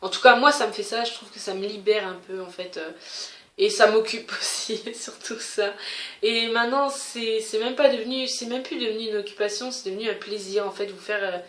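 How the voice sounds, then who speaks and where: A woman's voice: medium pitch, fairly even intonation, a little fast, fairly bright tone. A woman vlogger chatting casually to camera as she answers a question tag, hesitant, with many fillers and restarts. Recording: roomy echo.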